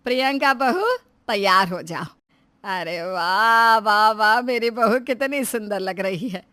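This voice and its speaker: A woman voicing a caring middle-aged mother who fusses over her son in an animated moral story, speaking with an affectionate, motherly warmth. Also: fairly high pitch, moderate pace, dry recording. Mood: delighted. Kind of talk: cartoon voice acting.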